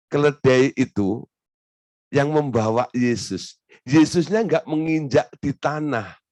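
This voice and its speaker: Male pastor preaching, keeps asking the crowd questions, voice shoots up high for emphasis, chuckles at his own jokes. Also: dry recording. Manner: animated, asks the congregation rhetorical questions, leaps into high emphatic bursts. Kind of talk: sermon.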